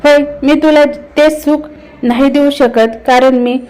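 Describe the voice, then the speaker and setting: A woman voicing a young village husband who speaks in rustic village speech, quiet and ashamed. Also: sits high, fairly even intonation, unhurried, poor audio.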